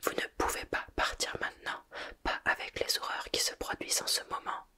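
A woman's voice: fairly quick, pushed and bright, lightly acted. A woman voicing an earnest, indignant schoolboy wizard who speaks bluntly, in a whispered role-play.

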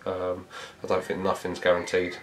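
Speaking from a small indoor press room, the thirtysomething football manager reflects on the match in a measured way, leaning on frequent fillers. His voice is very low and flat, and there's faint room ambience along with a little hiss or hum.

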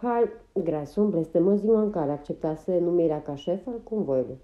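A woman narrating a novel as an audiobook in a steady, even reading manner. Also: fairly low pitch, dull audio. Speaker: audiobook reader.

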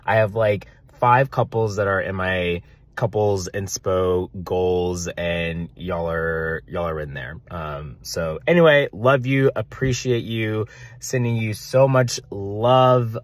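Man, low voice, slow and sincere, dry close sound, rambling asides. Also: no echo. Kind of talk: birthday video message.

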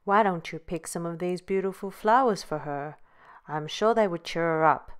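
A woman voicing a sly, sweet-talking big grey wolf in a storybook tale, coaxing and smooth. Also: lowish voice, normal speed, lightly acted.

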